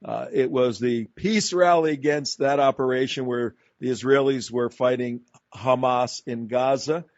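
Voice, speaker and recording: An emphatic man hosts a talk radio show, pressing his argument in long, run-on sentences. His voice sits at an ordinary pitch. The studio sound is dry and a bit dull. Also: steady tone, measured pace, no echo.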